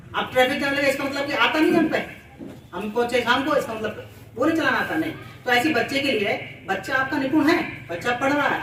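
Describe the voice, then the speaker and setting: A man's voice: very high-pitched, pushed and bright, slight background noise. A man giving a presentation to fellow teachers at a cluster meeting. He explains at length, repeats words and leans on everyday examples. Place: school meeting room. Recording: echoey room, voice far from mic.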